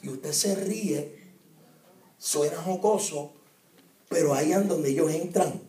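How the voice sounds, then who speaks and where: A fairly high-voiced man preaches emphatically, firing rhetorical questions at his listeners. He sounds set back from the mic, and his voice rings around a roomy church hall. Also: takes it slowly, warm tone, distant mic. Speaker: evangelist preacher. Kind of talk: sermon. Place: church hall at a youth conference.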